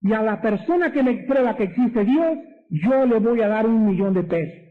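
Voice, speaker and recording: A man voicing a boastful male atheist who shouts a challenge, heard over a tinny radio broadcast. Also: high-pitched, lively intonation, normal speed. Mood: challenging. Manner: loud, challenging.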